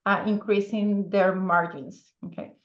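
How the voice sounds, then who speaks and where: A Venezuelan woman with a strong Spanish accent, an entrepreneur speaking English as a second language, appears as a guest on a casual podcast interview, often checking in with "okay?" and laughing easily. Her mid-range voice is steady and a little slow. The audio is reverberant and dull.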